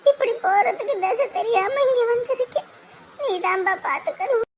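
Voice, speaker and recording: A woman voicing a nagging, sharp-tongued old mother-in-law in an animated drama, who scolds and later pleads. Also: very high-pitched, moderate pace, slight background noise. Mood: pleading.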